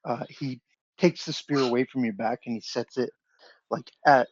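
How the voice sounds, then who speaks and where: A man narrating as game master of a tabletop game, relaxed and hesitant with fillers, over dull lo-fi online audio. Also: medium pitch, normal speed, a little hiss or hum.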